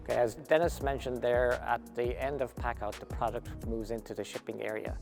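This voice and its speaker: A man's voice: mid-range voice, steady tone, brisk, gravelly, a little mellow. A man hosting interviews in a prepared presenting style. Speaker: host. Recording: background music under voice.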